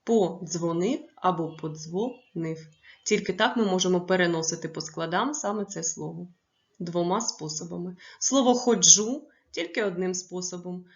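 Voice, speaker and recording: A woman teaching a primary school lesson, stressing each word slowly and clearly for young pupils. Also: fairly low pitch, highs cut off. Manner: slow, clearly stressed dictation of words.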